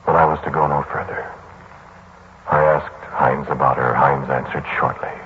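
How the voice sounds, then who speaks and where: A deep, level-toned man plays a troubled, kind-hearted lodger in 1940s radio drama, recounting haunted memories as first-person narration. His mood is brooding and reflective, his pacing deliberate, turning to pleading once dialogue begins. Muffled, noisy period broadcast sound.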